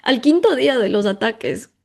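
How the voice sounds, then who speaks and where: A woman's voice: high-pitched, animated, normal speed, creaky, darkish tone. A woman from Ecuador, hosting a personal monologue in an emphatic, talkative way full of intensifiers and fillers. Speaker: podcast host.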